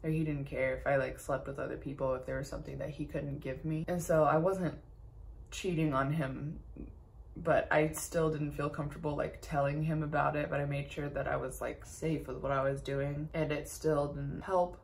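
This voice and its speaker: A woman's voice: low voice, steady tone, normal speed, gravelly, slight background noise. A young woman from Texas talking candidly through grief in a tearful, shaky voice, swearing often as she rambles. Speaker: vlogger. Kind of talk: personal confessional talk.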